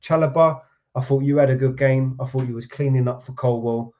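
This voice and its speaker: A man's voice: medium pitch, steady tone, a little fast, a little mellow. A man hosting a football reaction stream from home, ranting and swearing in frustration. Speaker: football channel host. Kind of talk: angry match reaction. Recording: dull lo-fi sound.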